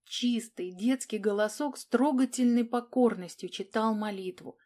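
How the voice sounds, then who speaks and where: A woman narrating an audiobook in an expressive, dramatic reading style. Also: medium pitch.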